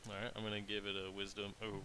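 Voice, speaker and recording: A man narrating as dungeon master in a tabletop game, talking in a relaxed, rambling way with many fillers. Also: lowish voice, fast talker. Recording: faint hiss.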